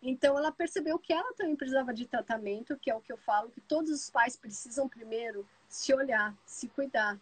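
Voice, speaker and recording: A woman with a Brazilian Portuguese accent hosting a live stream, telling stories fast and full of asides. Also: high voice, slightly rough, no echo, rough recording. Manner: lively storyteller, talks fast with many asides. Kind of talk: casual live chat.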